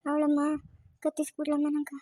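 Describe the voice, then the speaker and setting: A woman's voice: high-pitched, monotone, a little fast, warm tone, no room sound, lightly acted. A woman voicing an exhausted, bitter old village mother who complains and pities herself in a cartoon story. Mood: weary, self-pitying. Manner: complaining, self-pitying. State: exhausted, sore-throated. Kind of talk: cartoon voice acting.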